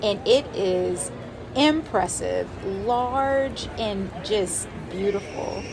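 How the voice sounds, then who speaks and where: A woman chatting in a casual vlog, excitable and full of casual slang. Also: mid-range voice, very slow. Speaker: reptile keeper vlogger. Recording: noisy background ambience.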